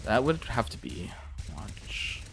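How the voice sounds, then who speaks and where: Chatting casually on a live stream, a twenties-aged game developer reads out questions from chat and fires back slangy, profane replies, laughing and cursing a lot. He speaks slowly yet very animatedly, at a medium pitch with a slightly bright tone, and a little background noise is audible.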